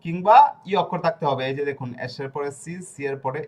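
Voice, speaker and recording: A man teaching a language lesson, repeating each point slowly and answering his own questions. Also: a little high, darkish tone.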